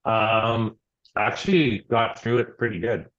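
A company founder from Alberta, Canada talks casually as an interview guest, loose and hesitant, with many "um"s and trailing off with "and stuff." His lowish voice moves at a measured pace, with the highs cut off in the recording.

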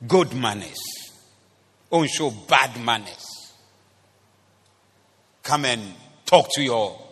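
A man preaching a sermon in church, animated and teasing, talking straight to the congregation. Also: mid-range voice, slow pace, husky. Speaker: pastor. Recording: long reverb of a church hall.

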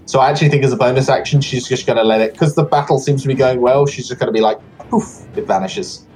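Relaxed man running a tabletop game. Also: mid-range voice, fast, poor audio. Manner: relaxed, hesitant narration with fillers. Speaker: game master.

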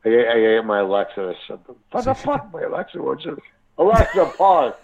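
A man's voice: mid-range voice, sing-song, a little fast, gravelly. A man calling into a radio show over a crackly phone line that keeps breaking up, rambling, swearing and stammering through restarts. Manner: profane, stammering with many restarts. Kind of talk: rambling live call-in chat. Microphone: cell phone. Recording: tinny cell phone line.

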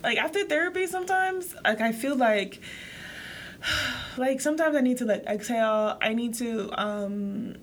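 A woman's voice: on the high side, lively intonation, unhurried, slight background noise. A young woman from Haiti co-hosting a podcast, talking openly and reflectively in casual chat with many fillers. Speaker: podcast co-host.

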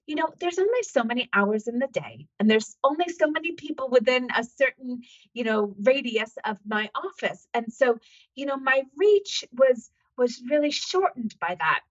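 A woman's voice: sits high, very animated, normal speed, highs cut off. An American woman doctor hosting a podcast, talking in an upbeat, motivational way with many fillers. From United States. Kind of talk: solo podcast talk.

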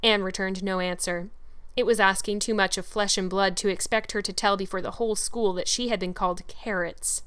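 Audiobook narrator: woman, measured expressive storytelling, mid pitch, polished tone. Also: clear, resonant tone.

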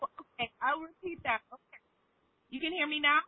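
A woman's voice: high-pitched, normal speed, no echo. Woman on a choppy breaking-up phone line. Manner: chatty, explanatory, repeats herself to check she is heard. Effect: choppy, breaking-up phone connection. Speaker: business coach leading a group call. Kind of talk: casual advice on a group call. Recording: tinny phone-line conference call.

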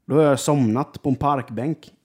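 A man's voice: mid-range voice, a little mellow, breathy edge. A young man telling a rambling story in casual chat, full of fillers and swearing. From Jönköping, Sweden.

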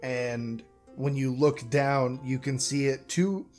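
A male game master narrating a tabletop game at an unhurried, drawn-out pace. He meanders and corrects himself mid-sentence, with faint guitar music playing behind him. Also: medium pitch, steady tone, a little mellow. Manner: slow, meandering, self-correcting.

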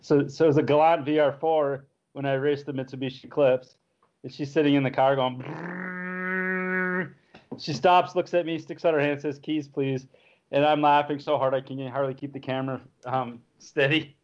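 A man in his fifties, a rally driver, telling stories in a relaxed, chuckling way. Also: mid-range voice, fairly quick. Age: 50s. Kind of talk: casual storytelling. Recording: dull lo-fi recording.

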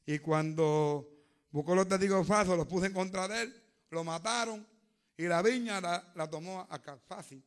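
A man preaching a fervent sermon, swinging from hushed to loud. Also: high-pitched, normal speed.

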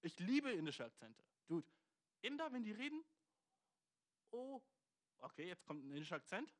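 A young man doing a comedy rant, slangy and loose, throwing in 'dude' constantly and jumping up in pitch for emphasis. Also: normal speed. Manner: slangy, loose, full of 'Dude' and 'weißt du'; animated, jumps into high pitch for emphasis.

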